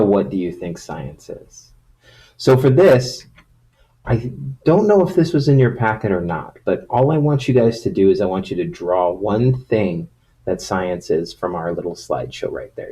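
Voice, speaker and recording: Low-voiced male teacher, kids show host manner. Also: darkish tone. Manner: kids show host delivery, addressing children simply with frequent questions. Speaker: primary school teacher. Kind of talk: recorded science lesson for young children, reading stories aloud.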